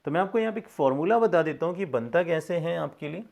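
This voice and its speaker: Guy teaching english, slightly high voice, reads sentences out slow then explains them. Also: animated, creaky, a little mellow. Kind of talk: casual spoken English lesson.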